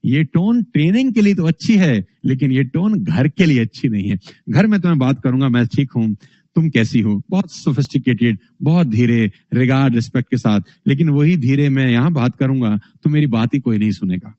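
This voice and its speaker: A man giving a motivational lesson as a speaking trainer, energetic and animated, acting out his examples. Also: mid-range voice, a little fast, few pauses, no room sound. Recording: dull, dry recording.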